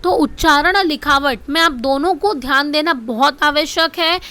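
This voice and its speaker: A woman's voice: high-pitched, normal speed, bright, forceful tone. A woman teaching a spelling lesson to children, saying each word twice and often checking whether the students can see it. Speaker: Hindi grammar teacher. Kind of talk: slow classroom spelling lesson.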